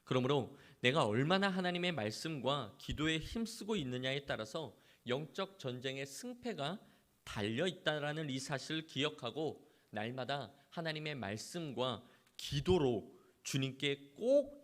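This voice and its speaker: A man's voice: medium pitch, expressive, moderate pace. A male pastor delivering an emphatic sermon to his congregation, pressing his points with repeated exhortations.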